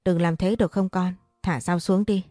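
A woman's voice: fairly low pitch, fairly even intonation, moderate pace, mellow, no echo, studio quality, lightly acted. A woman voicing a tearful middle-aged mother pleading with her daughter in a story.

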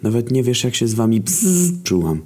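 A resentful young woman airs her grievances in a muted, reproachful tone, as a man puts her on. Her voice stays mostly low and flat, with little lift, like a storybook figure heard through a phone. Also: normal speed. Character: aggrieved young woman on speakerphone.

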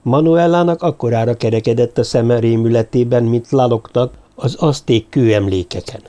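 This is scripted narration from a male audiobook narrator with a mid-range voice. He tells the novel's story at a steady, even pace.

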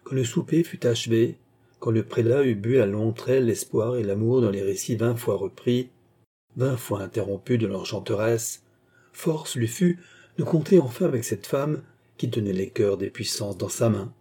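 A man narrating a classic novel with a husky, slightly breathy voice. His tone is dark and mellow rather than bright. He reads in a measured, declamatory way, like a literary audiobook. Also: mid-range voice.

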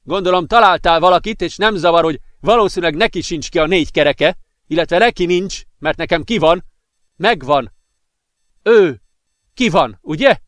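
A frantic young man with a raised, strained voice, pressing his point without pause, as a male audiobook reader puts him on. The sound is dry and close, with no room around it. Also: high-pitched, no room sound, pitched above the performer's own voice. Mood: furious. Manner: excited, insistent, increasingly furious. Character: agitated straw-haired young man, volatile.

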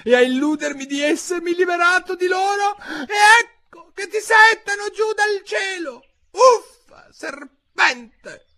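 Brief: male reader voicing a shrill, paranoid mother pigeon; husky, swooping shrieks. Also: very animated, measured pace, bright, forceful tone, heavily acted. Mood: ranting. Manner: shrieking, indignant, near-screeching. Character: fretful broody female pigeon, shrill and accusing.

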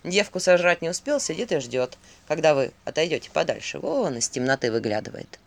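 A woman's voice: low voice, very animated, fairly quick, gravelly, voice pushed down, exaggerated voice. Filin, a woman doing a sly male owl.

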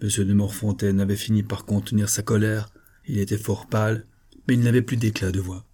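A man reads a classic novel aloud in measured, steady narration. His voice sits low and sounds dark and mellow. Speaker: audiobook reader.

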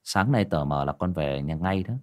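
A man voicing an easygoing young village son in a calm, low voice, in a spoken horror tale. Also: normal speed.

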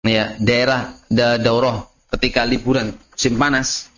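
A man's voice: medium pitch, level tone, unhurried, fairly bright tone. A man with an Indonesian accent teaching a casual classroom lesson on Arabic grammar, repeating and explaining terms as he speaks to his students. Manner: casual, addresses listeners as "Mas" and "antum". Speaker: religious teacher. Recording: muffled lo-fi class recording.

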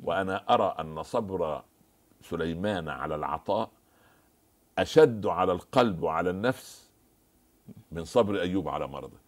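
A man's voice: low-pitched, lively intonation, moderate pace, pauses often. A man as the scholar guest on a TV religious discussion, preaching and quoting scripture and stories.

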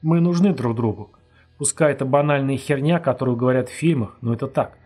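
A man voicing a tough young man who speaks grimly and harshly, with a husky voice. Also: medium pitch, fairly quick, darkish tone, faint music behind, close to an everyday voice. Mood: grave. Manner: grim and harsh.

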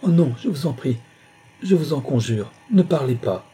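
A man's voice: medium pitch, lively intonation, moderate pace, mellow, breathy edge, voice pushed up. A man reading aloud, voicing a distraught young woman who pleads in a raised voice. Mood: distressed pleading.

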